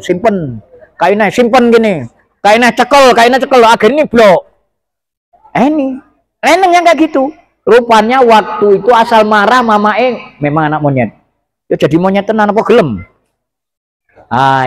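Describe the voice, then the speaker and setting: A man preaches in a lively storytelling way and mixes humor in as he goes. His voice sits fairly high and rises readily into bright peaks. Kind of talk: religious lecture.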